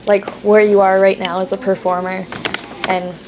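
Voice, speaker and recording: A woman's voice: mid-range voice, little pitch movement, normal speed. A teenage girl hosting an interview, asking casual questions with hesitations and fillers. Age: teens. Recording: noisy background.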